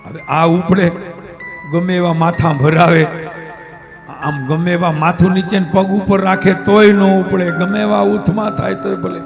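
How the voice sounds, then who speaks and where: High-voiced katha storyteller, echoing hall. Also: male voice, a little slow, gravelly. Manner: lively, acts out characters' lines with dramatic shifts from loud to hushed. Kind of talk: devotional katha storytelling sermon. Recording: hall reverb with devotional music behind.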